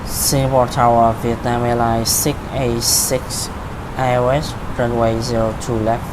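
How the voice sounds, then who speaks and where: A man talking on a pilot cockpit headset, giving clipped, flat flight-sim radio readbacks over loud background noise. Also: mid-range voice, unhurried. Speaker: flight simulator pilot on virtual air traffic network. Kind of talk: radio phraseology.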